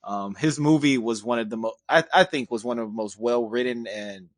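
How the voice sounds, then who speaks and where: A man's voice: medium pitch, dry recording, clean studio sound. A male podcast co-host in a casual panel chat, explaining his picks earnestly with frequent ums. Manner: earnest, measured, with filler ums.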